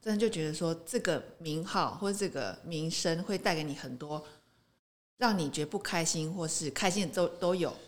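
A woman's voice: low-pitched, lively intonation, brisk. A woman with a Taiwanese Mandarin accent hosting a podcast, playful and agreeable, dropping in English words. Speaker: podcast host. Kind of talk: casual podcast chat.

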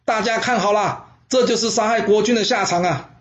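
A man shouting as a defiant condemned noble. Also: sits high, reverberant, dull audio, voice pushed up, natural voice. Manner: loud, slow, accusing.

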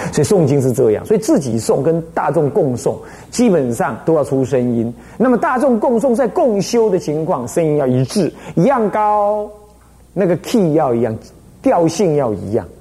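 A man's voice: fairly high pitch, warm tone. An older man, a Buddhist abbot giving a dharma lecture in a teacherly way, often checking in with rhetorical questions.

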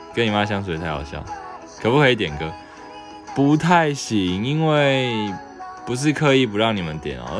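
A young man with a Taiwanese Mandarin accent and a fairly low voice, chatting casually on a livestream. He reads viewer questions aloud and answers them offhandedly, with a joke here and there. Soft music plays faintly in the background.

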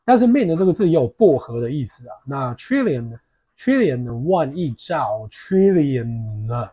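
A man hosting a podcast English lesson, explaining pronunciation and slowly repeating words, with a lively, joking manner. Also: on the high side, breathy edge. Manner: lively, jokey aside. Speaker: English teacher. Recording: podcast mic.

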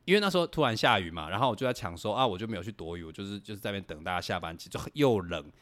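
A young man telling personal stories on a casual podcast, animated and laughing as he talks. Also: lowish voice, rapid-fire. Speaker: podcast host. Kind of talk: casual storytelling chat.

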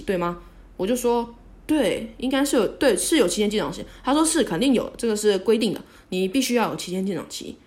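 A woman's voice: lowish voice, a little mellow. A woman with a Taiwanese Mandarin accent hosting a podcast, telling a story in a casual chat and retelling phone calls with indignant emphasis. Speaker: podcast host.

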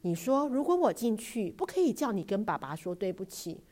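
A woman voicing a gentle, patient mother who coaxes softly and sometimes hushes to a whisper. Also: medium pitch, sing-song, fairly quick. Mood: coaxing. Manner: soft, coaxing, hushed at times.

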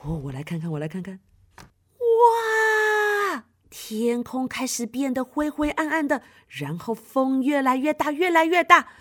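A woman reading a picture book to children in an animated manner, often addressing them directly. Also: high voice, normal speed, hardly any pauses. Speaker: storyteller.

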